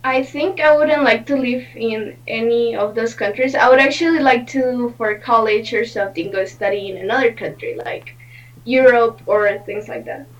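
A teenage girl with a Colombian accent and a fairly high voice. She is a native Spanish speaker chatting casually as an interview guest, heard a little away from the mic in a dull, lo-fi recording. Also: normal speed. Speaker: podcast guest. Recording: dull lo-fi, distant microphone.

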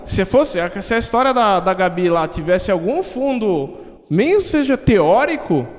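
A man's voice: high-pitched, big pitch swings, a little slow, big-room sound. A man with a Jundiaí countryside accent, joking and self-deprecating in a casual podcast chat. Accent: Jundiaí countryside São Paulo. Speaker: podcast co-host.

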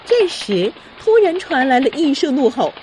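A woman narrating a children's storybook with lively, expressive delivery, music playing behind. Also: high-pitched, normal speed, noisy background.

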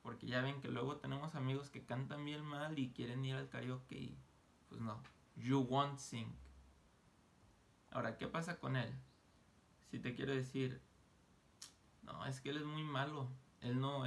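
A man teaching an online English lesson, explaining grammar casually and slowly sounding out English example phrases. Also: mid-range voice, gravelly. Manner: slow, deliberate modeling of English phrases; casual, joking asides.

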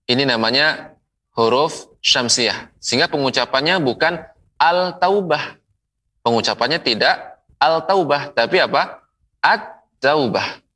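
A man giving a televised Quran recitation lesson, drawing out each example word slowly and deliberately. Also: medium pitch, pushed and bright, slightly rough. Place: television studio. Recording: voice slightly distant from the mic.

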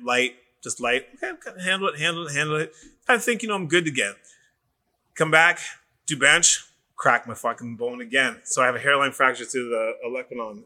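A middle-aged man from Canada, a personal trainer telling stories in casual podcast talk, animated and profane. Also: mid-range voice.

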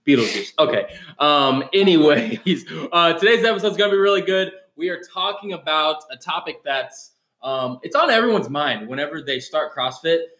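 A man's voice: a little high, lively intonation, moderate pace, few pauses, a bit bright. A male CrossFit coach hosting a casual podcast, upbeat and loose, with many fillers and restarts. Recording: echoey room.

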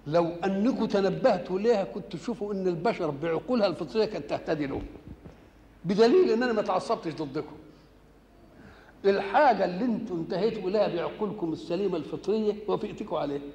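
A man with an Egyptian accent giving a Quran commentary lesson. He recites verses slowly and keeps asking rhetorical questions, then answers them himself. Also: fairly high pitch, gravelly, darkish tone, in a large hall. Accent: Egyptian Arabic.

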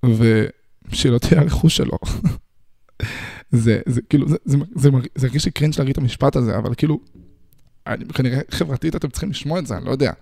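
A young man delivers a casual, rambling monologue to his listeners, stumbling through restarts and firing rhetorical questions. His voice is gravelly and dark. It sits close and dry on the mic. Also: mid-range voice, long pauses, no echo. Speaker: social commentator.

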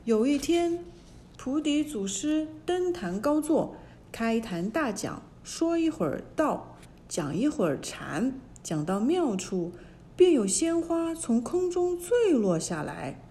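A woman tells a classic children's myth in a slow, lilting storybook voice. Her tone is soft and mellow, with a faint hiss in the background. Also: high voice, very animated.

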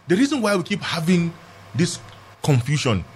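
A man's voice: fairly high pitch, very animated, normal speed, a little hiss or hum. A man with a Nigerian accent giving an emphatic, argumentative legal commentary in a discussion, repeating phrases for stress. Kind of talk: animated political and legal discussion.

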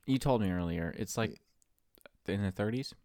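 A man's voice: lowish voice, normal speed, darkish tone, no echo, clean studio sound. A tipsy man co-hosting a podcast, joking and teasing in casual chat. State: tipsy from whiskey. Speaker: podcast co-host.

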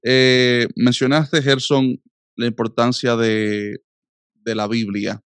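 A man guest, speaking softly in a casual faith conversation. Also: mid-range voice, level tone, slow, clear, resonant tone, no room sound.

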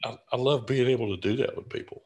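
A man's voice: medium pitch, fast talker, a little mellow, slightly rough. A man hosting an interview show, chatting in a laid-back, enthusiastic way over a video call. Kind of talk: casual chat.

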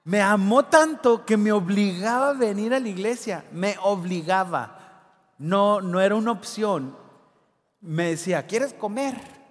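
A man preaching a sermon in a church, passionate and swinging between loud and hushed. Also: high-pitched, a little slow. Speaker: pastor. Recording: long hall reverb.

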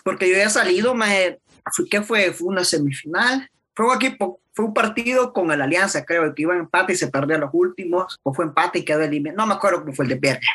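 Young Salvadoran man, rapid slangy storyteller, husky and bright. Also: sits high. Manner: slangy, rambling anecdote, constant filler "maje". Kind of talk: casual chat.

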